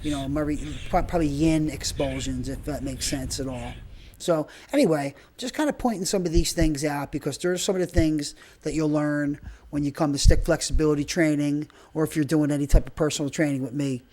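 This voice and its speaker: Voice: medium pitch, fairly quick, darkish tone. A breathwork and movement trainer giving informal, rambling spoken instruction while demonstrating.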